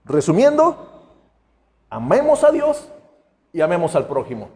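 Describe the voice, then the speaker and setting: Animated pastor in a reverberant church. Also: male voice, on the high side, unhurried. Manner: conversational preaching, acts out quoted voices. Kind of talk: sermon. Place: church sanctuary. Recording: long church hall reverb.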